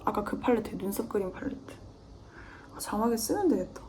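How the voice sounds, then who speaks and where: A woman's voice: mid-range voice, expressive, fairly quick, background noise. Chatty young woman rambling through makeup. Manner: rambling, talks to herself, drops to near-whispers while concentrating. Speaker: beauty vlogger. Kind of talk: chatty get-ready-with-me makeup vlog.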